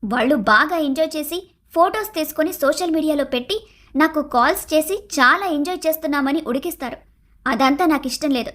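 A high, piercing voice of a young cartoon wife, acted by a woman, forever discontented and demanding. She whines, taunts and shouts her complaints, scornful and self-pitying. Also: a little fast. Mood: complaining. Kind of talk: animated cartoon story voice acting.

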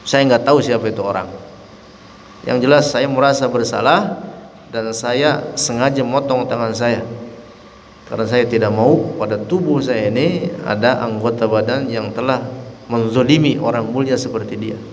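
A man in a mosque hall gives a dawn sermon and tells a story with lively energy, acting out each quoted voice. His voice sits at an ordinary middle pitch. The hall adds a long reverb, with a faint hiss underneath. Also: normal speed, pauses often. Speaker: Islamic teacher.

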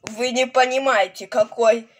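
A woman voicing a crazed, gloating male mad scientist professor in an amateur toy animation, speaking haltingly. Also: fairly high pitch, steady tone. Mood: indignant, gloating. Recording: noisy home recording with clicks.

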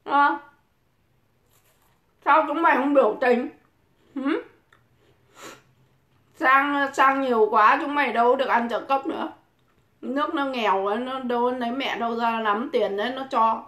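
A woman hosts a livestream rant, taunting and cursing at her critics in a scornful, mocking way. Her voice sits a little high, and she takes her time. The sound is roomy and echoey. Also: unhurried, pauses often, sharp tone. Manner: mocking, provoking, swears constantly. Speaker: livestream host. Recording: echoey room.

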